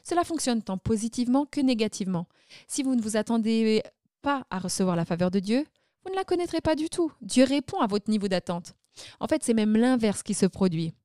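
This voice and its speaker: A woman's voice: a little high, expressive, fairly quick, dark tone, no room sound, studio quality. A woman minister delivering sermon-style teaching, speaking in emphatic, declaring phrases.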